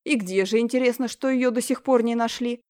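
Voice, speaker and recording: A woman's voice: a little high, fairly quick, a little mellow, clean tone, close to an everyday voice. A woman reading an audiobook, voicing a cocky schoolboy ringleader who mocks his classmates bluntly. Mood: mocking. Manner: mocking, blunt.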